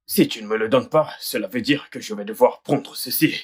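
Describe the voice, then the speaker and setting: A man's voice: mid-range voice, a little fast, husky, lightly acted. An actor playing a manipulative man who wheedles and insists, repeating his demands over and over. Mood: coaxing, pushy. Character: pushy, manipulative man scheming for a password.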